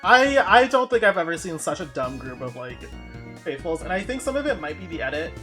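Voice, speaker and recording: A woman with a fairly low voice and very lively, expressive intonation hosts a casual game livestream. She talks to viewers in informal, gossipy slang. Music plays clearly behind her. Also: a little fast. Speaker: game streamer running a challenge run with audience votes. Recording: music in the background.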